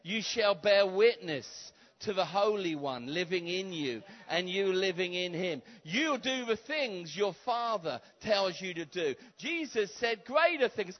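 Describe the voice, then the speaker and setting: A man preaching and praying in a charismatic sermon. He is fervent and repeats phrases insistently, moving between hushed prayer and shouted exhortation. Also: high voice. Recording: dull lo-fi recording.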